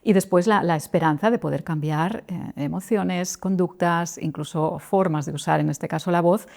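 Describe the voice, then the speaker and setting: Middle-aged woman vocal coach, lowish voice, reflective guest. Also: normal speed, vocal fry, darkish tone. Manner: thoughtful, with frequent restarts and tag questions. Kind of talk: interview guest.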